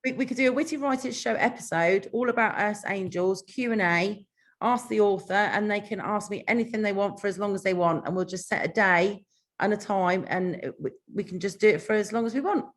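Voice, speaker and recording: A British woman, an author and show host appearing as a guest, reads her own fiction aloud and chats casually about it. Her voice is mid-range and she speaks fairly quickly.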